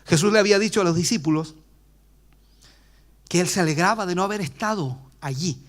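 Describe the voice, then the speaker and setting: A male pastor with a Chilean accent preaching a dramatic sermon in a church, jumping between loud cries and hushed whispers and acting out the voices of the people in his story. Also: high voice, brisk. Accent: Chilean Spanish. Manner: acts out bystanders' voices while retelling.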